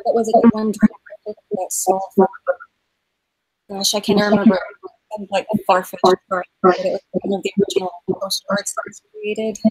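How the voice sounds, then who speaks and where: A woman talks hesitantly over a laptop video call, trailing off and searching for words. Her breathy voice sits dry and close, and the connection keeps glitching and cutting out. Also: medium pitch, level tone, moderate pace, no room sound, poor audio. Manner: hesitant, many fillers, loses her train of thought. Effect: glitchy audio cutting out over a call. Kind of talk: casual chat on a video call. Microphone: laptop microphone.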